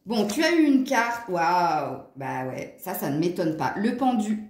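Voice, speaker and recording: A woman's voice: lowish voice, sing-song, unhurried, a little mellow. Give me a rambling woman with a southern French accent reading tarot cards in a roomy, echoing space. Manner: chatty and rambling, with frequent fillers and asides. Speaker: tarot card reader. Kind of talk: casual tarot reading addressed to viewers.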